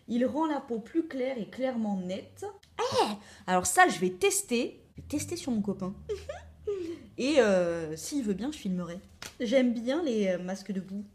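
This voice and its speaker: A young woman with a slightly high voice hosts a casual beauty unboxing. She reads product labels aloud in a playful, jokey way. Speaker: beauty vlogger.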